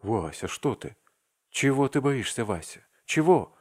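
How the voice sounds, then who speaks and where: A man's voice: lowish voice, expressive, measured pace, no echo, clean studio sound. A man reading aloud and voicing a terrified young man who cries out desperately to his friend. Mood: frantic. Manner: crying out, desperate.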